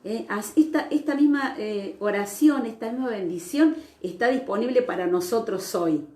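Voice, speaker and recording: A woman preaching a sermon at an online church service, speaking in a slow, reflective way with frequent hesitations. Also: a little high, a little mellow, echoey room.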